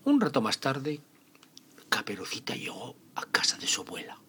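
A man narrating a children's fairy tale in a theatrical way, with dramatic repetitions and pauses. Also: medium pitch, wildly swooping pitch, pushed and bright, in a whisper. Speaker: storyteller.

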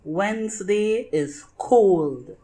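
A woman narrating a children's picture book in deliberate, simple phrases meant for young listeners. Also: mid-range voice, animated, mellow. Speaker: storybook reader.

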